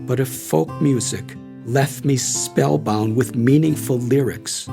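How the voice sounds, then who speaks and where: A man narrates an audiobook memoir in a slow, unhurried way. His voice carries a gravelly, creaky edge, and he reads in a measured, reflective manner while soft guitar plays faintly behind him. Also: medium pitch. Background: soft guitar music.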